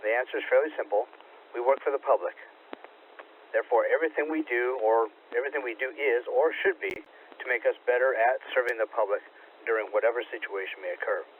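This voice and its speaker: A man running a radio training net, giving steady, procedural instructions over an amateur radio transmission with static. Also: mid-range voice, fairly quick. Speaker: net control operator. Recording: tinny radio receiver, faint static.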